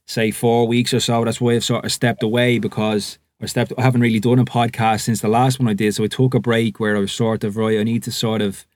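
A man's voice: medium pitch, a little fast, few pauses, no echo. A man hosting a podcast, chatting casually and telling stories with the odd swear word. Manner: relaxed storytelling, swears freely. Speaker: podcast host. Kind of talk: casual conversation.

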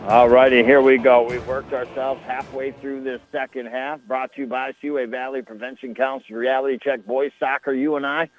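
A man calling a high school soccer match on AM radio in a folksy, conversational way. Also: little pitch movement, normal speed, few pauses, faint music behind, low-quality recording. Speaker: play-by-play sports commentator.

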